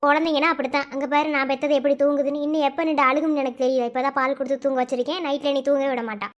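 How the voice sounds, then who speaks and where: A woman performs a whole household of cartoon women in a very high, piping voice. The talk is speech, full of teasing and scolding banter. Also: little pitch movement, racing, dull audio. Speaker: cartoon channel creator voicing all characters. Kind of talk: acted cartoon dialogue.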